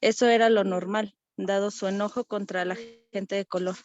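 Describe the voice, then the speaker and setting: A woman student, reading a story aloud in class, steady and careful. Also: mid-range voice, moderate pace, dull audio.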